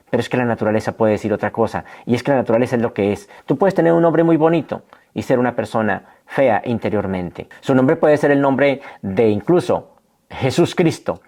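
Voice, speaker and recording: A man preaching a sermon, addressing his listeners as brothers and asking rhetorical questions, slowing down to stress key words. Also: medium pitch, lively intonation, darkish tone. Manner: emphatic, slows down on key words.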